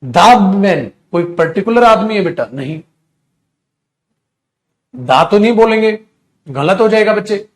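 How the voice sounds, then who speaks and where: Indian male tutor, middle-aged, high voice, unhurried, dictates then corrects, fond with students. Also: animated. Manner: addresses students as beta, dictates sentences slowly then corrects quickly. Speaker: English teacher. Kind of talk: live online grammar class.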